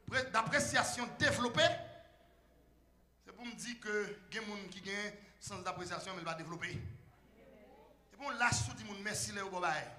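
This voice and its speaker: A male pastor preaching a fiery sermon, shouting call-and-response to the church, then dropping to quiet asides. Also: sits high, reverberant.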